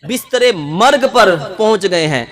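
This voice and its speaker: A man preaching a sermon with fervor, building to shouted peaks. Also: high voice, lively intonation. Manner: impassioned, rising to shouted peaks. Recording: echoey hall reverb.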